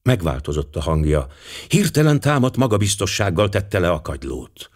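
Husky-voiced male audiobook narrator. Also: deep voice, sing-song. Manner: measured storytelling.

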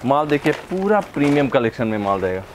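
Young man pitching wholesale jackets. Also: big pitch swings, a little fast, noisy background. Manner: salesy, urging viewers to look at the goods. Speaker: wholesale seller. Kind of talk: sales pitch. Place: large clothing warehouse indoors. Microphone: clip-on lapel mic.

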